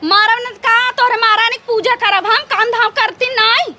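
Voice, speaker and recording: Woman acting a shrill, very high-pitched Awadhi village wife. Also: moderate pace, pushed and bright. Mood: defiant scolding. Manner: shrill, combative complaining. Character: defiant, scolding village wife of a drunkard. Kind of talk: amateur village comedy sketch.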